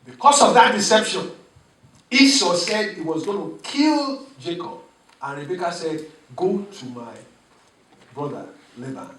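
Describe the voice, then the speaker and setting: A pastor preaches to his congregation, animated and chuckling as he goes, calling for responses. His voice sits a little high for a man. The church is echoey and he sounds set back from the mic. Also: measured pace, distant mic. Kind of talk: sermon.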